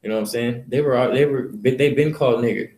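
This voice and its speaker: A street preacher with a mid-range, darkish voice leads a casual teaching session for a small group, speaking briskly. He's blunt and profane, rambles with many fillers and keeps saying "you know," and the room is echoey.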